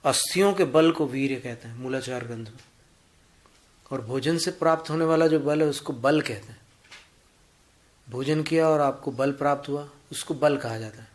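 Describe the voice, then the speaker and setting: A man giving a Jain religious discourse, teaching in a measured way and explaining points through anecdotes and examples. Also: medium pitch. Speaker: Jain preacher.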